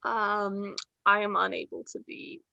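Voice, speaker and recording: A woman reads the stage directions for an amateur online play reading, hesitant and unhurried. Her voice is bright and crisp, recorded dry and close. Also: medium pitch, fairly even intonation, dry recording, highs cut off. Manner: hesitant, with fillers. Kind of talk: casual chat and reading. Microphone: home mic, off camera.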